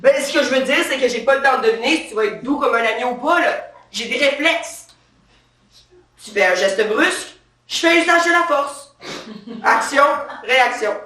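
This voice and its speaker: A swaggering, defensive female cop, played by a woman in a satirical stage monologue. The voice is sharp and tense, picked up from across an echoey theatre stage. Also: sits high, expressive, moderate pace. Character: brash trigger-happy female police officer, touchy and power-proud. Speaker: stand-up character performer. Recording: roomy stage sound from far off.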